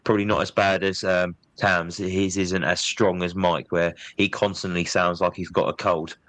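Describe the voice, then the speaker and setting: On a podcast, a co-host chats casually in a low voice at a moderate pace, clearly bunged up from a cold. He's relaxed and chatty, dropping "mate" often, and there's no room sound.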